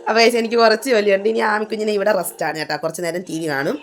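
A woman's voice: mid-range voice, racing, faint music behind. A woman filming a casual family vlog at home, talking to the viewers and coaxing her small child in a sing-song way. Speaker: vlogger and mother.

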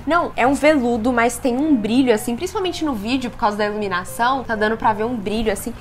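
A woman's voice: on the high side, fast talker. Gushing young Brazilian woman vlogger. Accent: Brazilian Portuguese. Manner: gushing, enthusiastic, often addresses viewers. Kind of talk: casual haul vlog.

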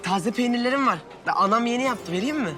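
An honest, timid street-seller boy in a period drama. His voice is high and youthful, with music clearly behind it. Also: lively intonation, brisk. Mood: hawking. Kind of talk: Ottoman period drama acting.

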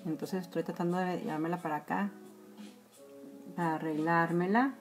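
Faint music plays behind a fairly low, fairly evenly pitched voice at a moderate pace. It belongs to a makeup vlogger in her forties with a Mexican accent, who chats directly with her viewers during a live tutorial from a small room, calling them girls and drifting into whispers while applying makeup, recorded close on a phone or webcam.

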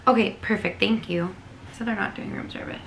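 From a hotel bed, a young woman sits up and gushes to her camera in a casual, filler-laden vlog chat. Her mid-range voice is scratchy with vocal fry, fairly quick and fairly bright, holding a steady tone.

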